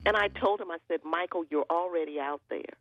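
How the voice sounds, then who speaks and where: Older woman guest, husky storyteller, dull lo-fi line. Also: fairly low pitch, brisk, dry recording. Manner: storytelling, animated quoting.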